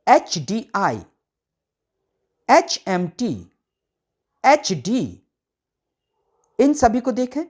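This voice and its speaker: Slow, lively woman teaching grammar. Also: medium pitch. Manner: slow, lively teacher sounding out letters and examples. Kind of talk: explaining English grammar lesson in Hindi.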